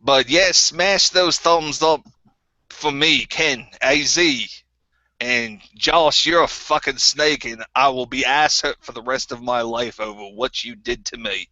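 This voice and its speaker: Speaking a little slowly at medium pitch, a man with a sharp tone is heard with no room sound on a dull lo-fi recording. His character is a crude, bitter former group member who rambles and stammers in a put-on New Zealand accent.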